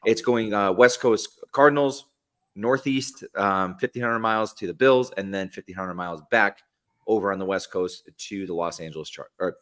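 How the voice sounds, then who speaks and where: A man's voice: fairly low pitch, normal speed. A man co-hosting a sports podcast, talking through the season in a loose, rambling way and correcting himself as he goes. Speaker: podcast co-host. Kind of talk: casual sports chat.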